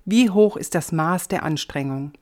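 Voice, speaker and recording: Woman, lower-pitched voice, measured and gently instructive, scripted spiritual reflection addressed to the listener. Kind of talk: scripted devotional talk with guided reflection.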